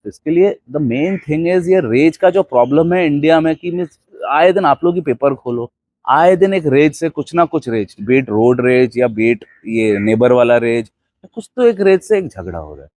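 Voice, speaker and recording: A man delivering a forceful opinion monologue straight to his viewers, assertive and emphatic, often dropping English phrases into his talk. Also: fairly high pitch, lively intonation, normal speed, no echo, clean studio sound. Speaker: commentator giving his opinions on a case.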